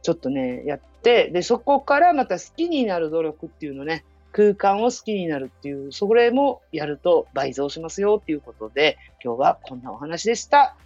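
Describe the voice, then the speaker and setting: A chatty woman hosts her own show, talking fast and telling stories with a laugh. Her voice sits on the low side. The recording is dull and lo-fi with faint music underneath. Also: very animated, darkish tone, no echo. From Okinawa. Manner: chatty, storytelling, laughs at herself. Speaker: radio show host. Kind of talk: casual solo podcast talk.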